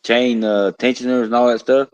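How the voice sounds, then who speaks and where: A man's voice: medium pitch, level tone, moderate pace, darkish tone, clear, resonant tone, highs cut off. An older man on a video call, chatting casually and teasing the host. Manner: teasing and jokey. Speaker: guest on the call.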